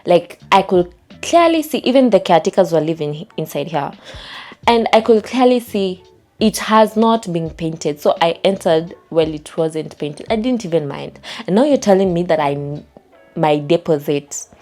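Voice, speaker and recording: A young Kenyan woman with a Kenyan accent vlogging at home, retelling a dispute in an animated, exasperated way with laughs. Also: on the low side, normal speed, faint music behind. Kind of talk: casual storytelling vlog. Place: indoors at home, small room.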